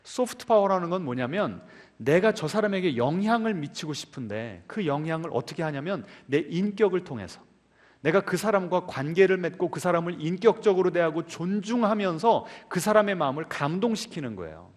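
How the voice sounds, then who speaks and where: A fairly high-voiced man preaching a Sunday sermon, his pitch leaping up and down as he keeps throwing questions at the congregation. The voice carries through a church sanctuary with a long, ringing reverb. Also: big pitch swings, a little fast. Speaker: pastor.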